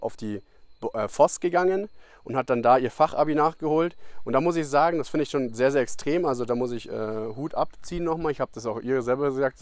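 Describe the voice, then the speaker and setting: A young man talks loosely in a casual solo podcast, drifting between thoughts and filling gaps with fillers and restarts. His voice sits at an ordinary middle pitch. The recording is dry and close, with no room sound. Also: dry recording. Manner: rambling, many fillers and restarts, colloquial. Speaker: podcast host. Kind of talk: casual rambling monologue. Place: abroad in Costa Rica.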